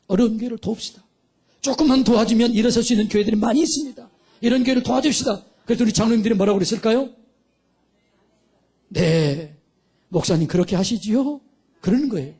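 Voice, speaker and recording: A man's voice: sits high, dark tone, slightly rough. A middle-aged male pastor preaching fervently, calling for amens and acting out little dialogues. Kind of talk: sermon. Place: church sanctuary.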